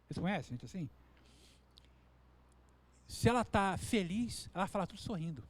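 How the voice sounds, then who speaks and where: Brazilian pastor guy preaching, earnest, slips into higher voices for people he quotes, kinda high but warm tone. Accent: Brazilian Portuguese. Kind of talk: sermon.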